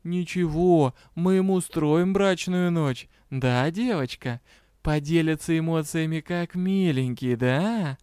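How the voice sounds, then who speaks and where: Man as a cheeky fantasy dragon, brash and teasing, smooth clear tone. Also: a little high, slow pace, mellow, no echo, clean studio sound. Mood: cooing. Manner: brash, teasing, mock-indignant.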